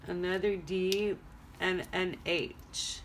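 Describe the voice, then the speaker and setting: This tarot reader, a woman whose first language is French, talks slowly and casually while laying out cards in her home, wandering from thought to thought. Her pitch is fairly low and her intonation fairly even; the audio is poor, with slight background noise.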